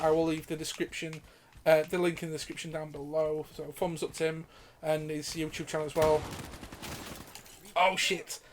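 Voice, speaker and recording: A man with a fairly high voice talks over his gameplay in a loose, live commentary. He rambles from one viewer question to the next, swearing casually and laughing as he goes. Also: a little hiss or hum. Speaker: gaming channel host.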